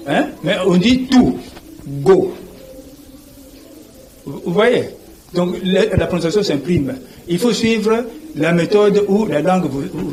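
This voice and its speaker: A man teaches like a professor, spelling words out letter by letter and checking that you follow. His voice sits a little high, with a faint hiss of noise behind it. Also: darkish tone, low-quality recording. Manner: didactic, repeats "vous voyez", spells out letters. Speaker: guest, language professor. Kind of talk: TV interview, explaining.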